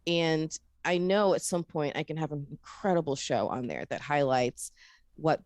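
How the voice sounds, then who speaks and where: Upbeat chatty woman, low voice. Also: normal speed, a little mellow, no echo. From Florida, USA. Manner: upbeat, chatty storyteller who laughs often. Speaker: podcast producer guest. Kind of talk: casual interview chat.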